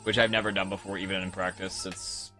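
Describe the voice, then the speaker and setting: A man's voice: deep voice, flat delivery, fairly quick, sharp tone. A man streaming and chatting casually, rambling with many restarts and mocking himself. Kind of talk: casual chat. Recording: background music over the voice.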